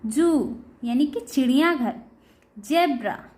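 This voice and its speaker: A woman teaching a beginner English pronunciation lesson, addressing viewers as her dear children and drawing out each example word slowly. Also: high-pitched, lively intonation, a little mellow. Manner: slow, drawn-out word-by-word explanation.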